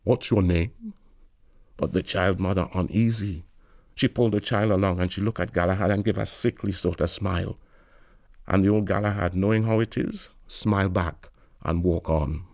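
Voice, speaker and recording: Gravelly man reading a novel. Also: low voice, steady tone, normal speed, darkish tone, no room sound, studio quality. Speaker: reader.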